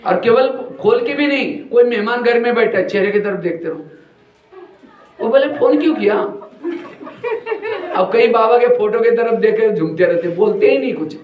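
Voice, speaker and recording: Male spiritual teacher, high voice, roomy hall sound, talks to the congregation with questions and homely stories. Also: normal speed, pauses often, a little mellow. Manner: plain storytelling, asks the audience questions. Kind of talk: spiritual discourse to a village congregation.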